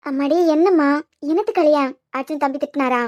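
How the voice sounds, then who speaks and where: A woman's voice: high-pitched, brisk, a little mellow, voice pushed down, lightly acted. A woman voicing a coaxing old grandmother with a Kanyakumari accent. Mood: soothing. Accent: Kanyakumari Tamil. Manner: coaxing, motherly scolding. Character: gentle elderly grandmother, soothing and scolding. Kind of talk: cartoon web series voice acting.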